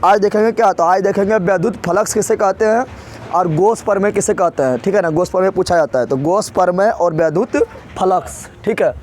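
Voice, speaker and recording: A man teaches a physics lesson in a high, darkish voice at a slightly fast pace, with a little hiss or hum in the recording. He uses call-and-response questioning, asking students questions and repeating key words again and again.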